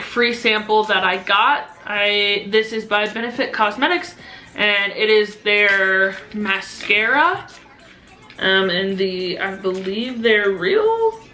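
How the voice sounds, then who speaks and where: A woman's voice: medium pitch, pushed and bright. A young woman vlogger chatting casually through a beauty haul, full of "um" and "like" fillers. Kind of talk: casual product haul review. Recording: echoey room with faint noise.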